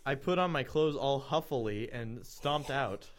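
A man's voice: medium pitch, animated, measured pace. A young man giving a comic dramatic reading to friends, laughing and jumping between voices. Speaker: reader.

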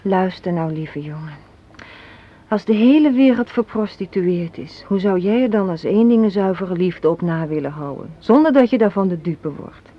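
In a Dutch radio play, a young adult actress portrays a cynical, hard-minded young woman who argues and lectures through rhetorical questions, sounding bitter and insistent. Her fairly low voice moves with lively intonation at a normal speed. The old radio recording is dull and noisy.

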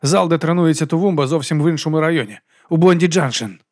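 A man voicing an eager young police assistant reporting briskly in an audiobook. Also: fairly high pitch, a little mellow, dry recording, clean studio sound, voice pushed up, natural voice.

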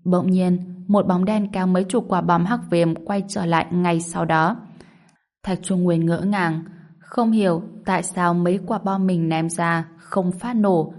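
A woman reading a martial arts novel aloud as a narrator, in steady scripted narration. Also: lowish voice. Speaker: audiobook narrator.

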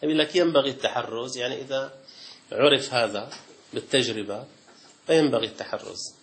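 A sheikh teaches Islamic law in a classroom lecture. His mid-pitched voice has a gravelly edge. He reads lists aloud from a text and slips into quick colloquial asides.

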